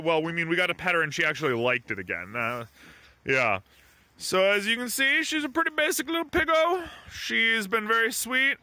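Behind the camera outdoors, a farm vlogger casually narrates, chatty and rambling and affectionate toward the animal. His high voice is sharp in tone yet smooth, with no echo.

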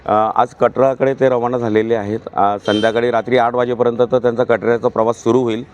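Halting man. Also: mid-range voice, little pitch movement, dull audio, slight background noise. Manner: halting, many fillers and restarts. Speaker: interviewee, husband of a tourist. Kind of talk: news interview.

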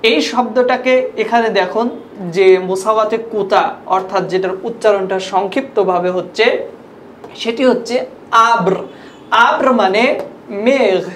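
A woman's voice: medium pitch, moderate pace. Patient woman teaching in an echoey room. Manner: patient, repeats and spells out examples. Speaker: Persian language teacher. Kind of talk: lesson. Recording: echoey room with faint ambient noise.

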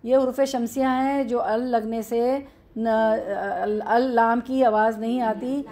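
Woman teaching grammar, slightly high voice. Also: fairly even intonation, takes it slowly, mellow. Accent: Urdu. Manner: explains step by step, asks and answers her own questions. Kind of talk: classroom grammar lesson.

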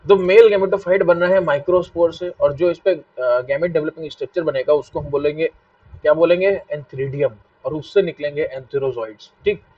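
Male teacher with a Hindi accent, fairly high voice, quizzes and repeats, muffled distant mic, dry sound. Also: normal speed, no echo. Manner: repetitive, asks students questions and scolds them to stop fighting. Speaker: biology teacher. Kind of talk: live online class lecture. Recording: dull lo-fi mic, a bit distant.

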